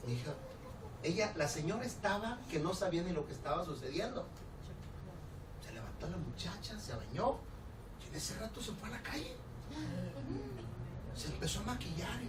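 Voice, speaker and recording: A Mexican pastor preaches with a lively, high-leaning voice that swings widely as he tells his story. He acts out the people in it, laughs often, and keeps the energy up. The sound is roomy and picked up from a distance, with clear noise behind him in the church hall. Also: moderate pace, long pauses. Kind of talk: storytelling sermon.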